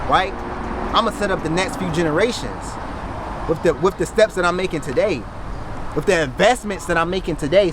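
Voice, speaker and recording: An American man delivers a motivational speech at a quick clip in a high voice. He is emphatic and preacher-like, hammering phrases through repetition, with clear street or vehicle noise around him. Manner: emphatic, preacher-like, with repeated phrases and rhetorical questions. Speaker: motivational content creator.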